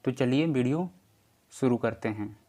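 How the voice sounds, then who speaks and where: Slow, patient male teacher. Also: mid-range voice, dark tone. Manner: slow, patient and repetitive, drawing out letter sounds. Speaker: English pronunciation teacher. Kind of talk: slow spelling lesson explanation.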